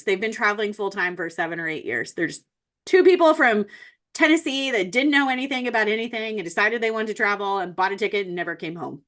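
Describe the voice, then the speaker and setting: A woman's voice: medium pitch, bright, forceful tone. A woman co-hosting a podcast in casual chat, rambling and laughing often. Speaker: podcast co-host.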